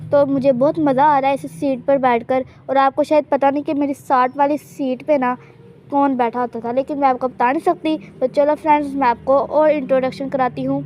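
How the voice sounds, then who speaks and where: A woman's voice: high-pitched, darkish tone, slight background noise. A woman casually narrating a life-sim game in character, chatty and teasing, often hinting at secrets she won't share. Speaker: gameplay channel host.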